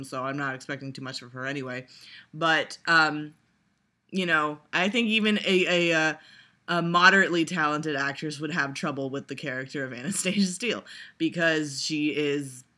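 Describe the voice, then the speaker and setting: A vlogger reviewing a trailer, she vents in a casual, profane, exasperated rant, full of fillers and restarts. Her voice is on the low side with a sharp tone.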